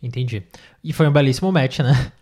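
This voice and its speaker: Casting: female podcast interviewer, low-pitched voice, conversational and informal, brief affirmations between questions. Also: brisk, dark tone. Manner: short affirming backchannels, informal phrasing. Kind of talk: casual interview.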